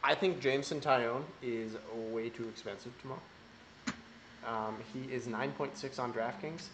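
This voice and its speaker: A man's voice: medium pitch, normal speed, fairly bright tone, a little hiss or hum. A man hosting a casual fantasy baseball podcast, jokey and emphatic, swearing casually. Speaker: fantasy baseball analyst host.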